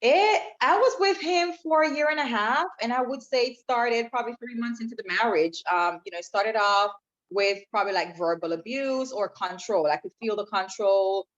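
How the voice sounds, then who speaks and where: This Jamaican woman's voice sits on the high side, and she talks at a moderate pace. She's a podcast guest giving earnest, reflective personal testimony during an interview, captured with dull lo-fi audio.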